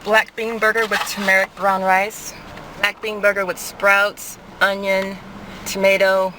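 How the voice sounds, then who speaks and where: A man's voice: high voice, monotone, measured pace. A man chatting casually about food while eating on camera, talking with his mouth full. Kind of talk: casual mukbang chat and storytelling. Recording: clear background noise, car ambience.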